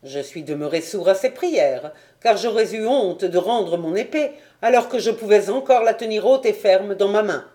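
Lady doing a stern tired duke, grave and measured, low-key mellow voice. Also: expressive, close to an everyday voice. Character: weary, stern male nobleman and commander.

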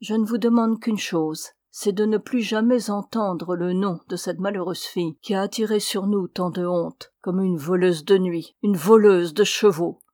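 A woman's voice: mid-range voice, steady tone, normal speed, few pauses, mellow, dry recording, clean studio sound, natural voice. A woman reading an audiobook and voicing a proud aging mother who speaks coldly and reproachfully. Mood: bitter. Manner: cold, reproachful.

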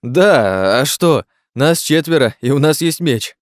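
A man reading aloud, voicing a frightened young man who whines and pleads near tears, his voice pushed higher than his narration. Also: expressive, takes it slowly, no echo, clean studio sound. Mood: frightened pleading. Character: frightened whimpering young man lost underground.

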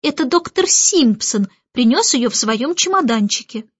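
An eager young girl gushes with breathless excitement in a storybook, played by a woman narrator. Her voice sits high. The recording is dry and slightly dull. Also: normal speed, slightly rough, dry recording.

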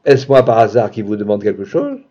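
A man's voice: fairly low pitch, very animated, brisk, warm tone. A man voicing a stubborn young wife in a story reading, curt and defiant, heard in a dull lo-fi recording. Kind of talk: audiobook reading.

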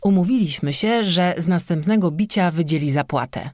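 A weary peasant husband snaps back in curt, gruff lines, quick to lose his temper, as the audiobook reader plays him. His voice sits at a middling pitch, and the recording is dry and close. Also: darkish tone, dry recording, close to an everyday voice.

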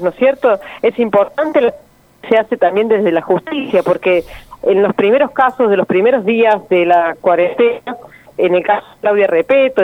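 Woman, activist guest, earnest, measured, tinny phone line. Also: medium pitch, dry recording. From Argentina. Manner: earnest and measured, repeating words. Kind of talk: phone interview.

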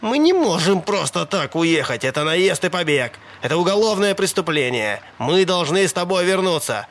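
A man's voice: sits high, big pitch swings, moderate pace, pitched above the performer's own voice, exaggerated voice. Man doing a frantic panicked passenger. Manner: frantic, pleading, shouting.

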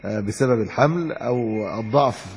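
A man's voice: mid-range voice, a little fast, a little mellow, slight background noise. A man giving a religious lesson. He reads chains of narrators, then explains them in plain words with some restarts. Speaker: sheikh teaching hadith. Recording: dull lo-fi recording with long hall reverb.

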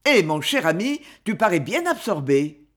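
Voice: medium pitch, big pitch swings, moderate pace, natural voice. A narrator voicing a worldly aristocratic father who speaks in a casual, amused, offhand way.

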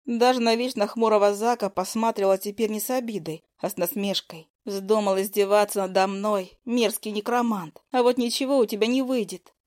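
Expressive woman narrating an audiobook. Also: medium pitch, fairly quick, hardly any pauses. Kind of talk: first-person audiobook narration.

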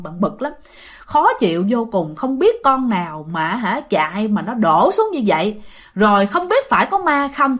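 A woman telling a ghost story in a chatty way, speaking straight to her listeners. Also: mid-range voice. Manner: chatty, addressing listeners directly.

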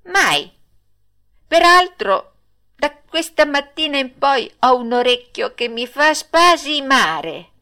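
A woman puts on a naughty young boy in a storybook, pitched up high and playful. He teases his friend and bargains like a schoolboy. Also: sing-song, slow pace, pushed and bright, full character voice. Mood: teasing.

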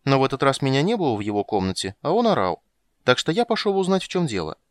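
A man's voice: medium pitch, very animated, quick pace, dry recording, studio quality, pitched above the performer's own voice, close to an everyday voice. A man voicing a cheerful, curious young male kender who rambles eagerly in an audiobook. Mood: chattering.

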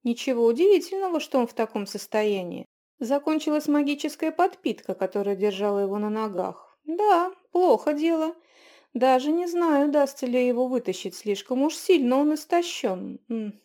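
A woman voicing a brisk, wry healer witch who speaks with calm authority. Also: sits high, pitched above the performer's own voice.

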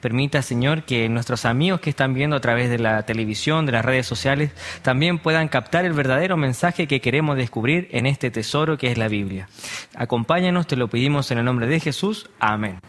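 A man's voice: medium pitch, brisk, a bit bright. A man in his twenties from Chile, a guest on a religious talk show, speaking earnestly and leading a prayer. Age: 20s. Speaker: guest, youth missionary.

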